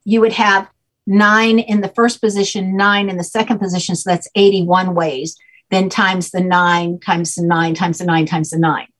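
Her voice is on the low side and fairly bright, with a flat delivery at a moderate pace. A guest teaching a name system, she explains at length in conversation and patiently checks that the listener follows, asking "okay?" repeatedly.

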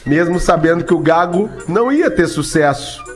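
A man's voice: a little high, animated, normal speed, soft background music. A man, co-hosting a live show with playful banter and jokes. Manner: playful, repeats catchphrases. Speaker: radio co-host.

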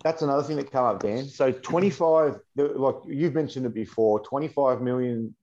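A man's voice: mid-range voice, normal speed, dark tone. An Australian man on a podcast panel, arguing insistently in casual sports debate and repeating his phrases. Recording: slightly dull, lo-fi audio.

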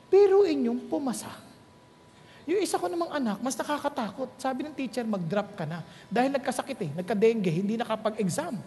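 A middle-aged male preacher tells everyday stories in a sermon, laughing as he goes. His voice leaps up and down with animation. The sound rings with the long reverb of a large hall. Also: very high voice. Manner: lively, laughing storyteller. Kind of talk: sermon in mixed Tagalog and English.

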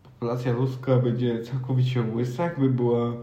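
A man's voice: medium pitch, level tone, moderate pace, warm tone, highs cut off. A young man co-hosting a casual chat, musing aloud with half-serious, sarcastic theories. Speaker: podcast co-host. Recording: echoey room.

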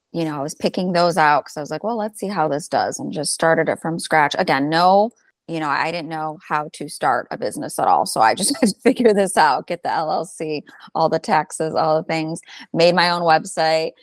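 Woman in her thirties, low voice, chatty and laughing, dry close sound. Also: no room sound. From Albanian heritage. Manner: chatty, laughs often, many fillers. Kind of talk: conversational interview.

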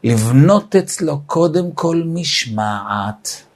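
In a weekly Torah lesson on raising children, a man with a voice on the high side teaches animatedly, acting out family scenes as he goes.

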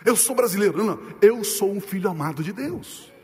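With lively intonation, a male pastor preaches in a large hall, asking rhetorical questions of the congregation and slowing down and dropping his voice low for emphasis.

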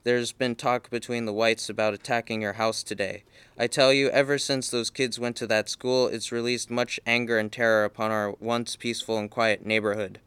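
A man's voice: mid-range voice, level tone, normal speed, a bit bright, clear, resonant tone, no echo, lightly acted. A man reading aloud, voicing a desperate male neighbor who pleads with the family to leave. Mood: pleading. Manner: urgent, pleading.

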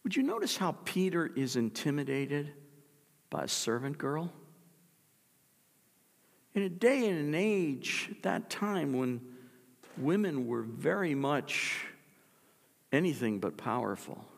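A man's voice: fairly high pitch, very animated, slow, vocal fry, long pauses, in a large hall. A male pastor preaching a sermon, explaining the text and asking rhetorical questions of the congregation.

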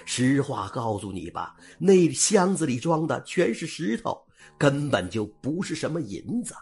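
A man voicing a shrewd middle-aged innkeeper, hearty and forceful. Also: medium pitch, big pitch swings, a little slow, husky, exaggerated voice. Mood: apologetic. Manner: hearty, then stern and scolding.

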